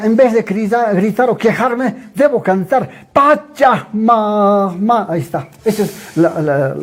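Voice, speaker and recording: An older man from Bolivia giving an emotional personal testimony as an interview guest, calling his listeners brothers, with a husky voice. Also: sits high, mellow. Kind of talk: personal storytelling.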